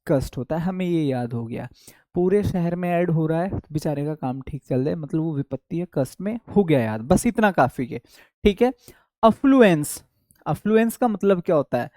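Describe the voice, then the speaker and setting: A man teaching English vocabulary in an online exam-prep class, asking questions and answering them himself and drawing out key words slowly for memory. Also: on the high side, animated, darkish tone, dry recording, studio quality.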